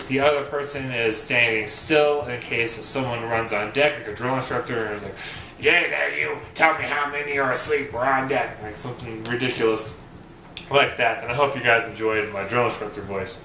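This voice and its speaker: A man's voice: medium pitch, moderate pace, pushed and bright. A man giving casual advice to viewers in a rambling, joking, conversational way. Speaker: vlogger giving boot camp advice. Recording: roomy echo, faint hiss.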